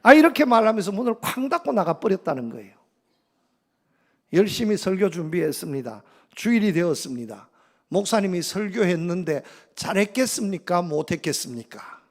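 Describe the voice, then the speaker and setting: A man's voice: sits high, big pitch swings, normal speed. A male pastor preaching a sermon, emphatic, with repeated phrases and rhetorical questions.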